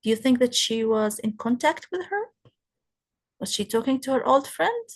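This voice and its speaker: A woman teaching an English lesson, explaining slowly and asking her students questions as she goes. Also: a little high, very animated. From Palestine. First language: Arabic. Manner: slow, explaining, asks rhetorical questions. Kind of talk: recorded classroom lesson.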